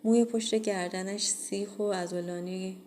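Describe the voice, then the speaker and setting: A woman reading a first-person horror audiobook in a steady, measured way. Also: medium pitch, a little hiss or hum. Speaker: audiobook reader.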